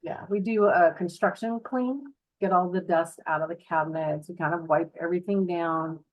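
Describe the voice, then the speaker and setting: A woman's voice: on the low side, fairly even intonation, moderate pace, lo-fi sound. A woman giving a casual, informal house tour as a builder's representative, explaining features in a chatty way. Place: voice-over talking over a tour video.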